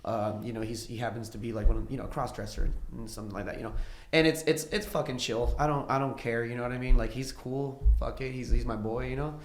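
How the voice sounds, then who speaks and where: A man talking as a musician guest on a podcast, telling stories in a loose, animated way and swearing freely. His voice sits at an ordinary middle pitch. The recording has a roomy echo around it. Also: quick pace, hardly any pauses. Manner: profane, animated storytelling. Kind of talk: casual podcast chat.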